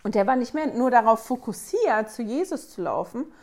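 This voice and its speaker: A woman's voice: a little high, animated, normal speed, a little mellow. A woman hosting a casual scripture study, thinking aloud and retelling a story conversationally. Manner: conversational, wonders aloud, acts out quotes. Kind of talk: casual Bible study talk.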